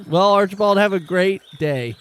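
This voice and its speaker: A woman's voice: medium pitch, expressive, unhurried. A woman player in a tabletop game, chatting casually and breaking into laughter often.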